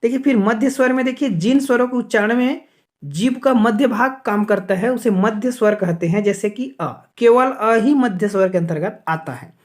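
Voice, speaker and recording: Man, grammar teacher, exam-prep lesson, rhetorical questions, repeats okay, spells out sounds slowly. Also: high-pitched. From Chhattisgarh, India. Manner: asks and answers his own rhetorical questions; keeps checking in with a repeated "okay".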